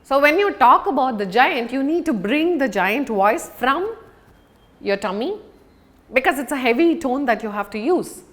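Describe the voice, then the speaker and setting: With a high-pitched, slightly bright voice and lively intonation, a woman delivers a public speaking lesson. Her delivery is deliberate and emphatic, with pauses for stress.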